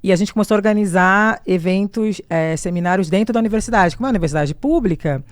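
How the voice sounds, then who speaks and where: Animated Brazilian woman telling a story. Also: mid-range voice, fast, dry recording. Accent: Brazilian Portuguese. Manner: animated, acts out her own past words in quotes. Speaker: podcast guest. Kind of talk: personal storytelling in a podcast interview.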